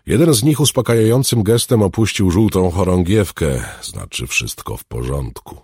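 A man narrating a fantasy novel as an audiobook, with expressive storytelling, recorded close on a studio mic. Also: low-pitched, moderate pace, slightly rough, dry recording.

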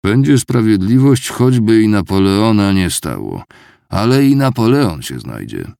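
A man voicing a sickly elderly father who speaks with quiet, steady conviction. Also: fairly low pitch, unhurried, gravelly, dry recording, clean studio sound, pitched above the performer's own voice, heavily acted. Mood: calm certainty.

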